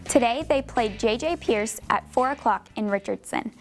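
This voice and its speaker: A teenage girl anchoring the sports segment of a school news show, reading a steady script. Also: on the high side, moderate pace, soft background music. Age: teens.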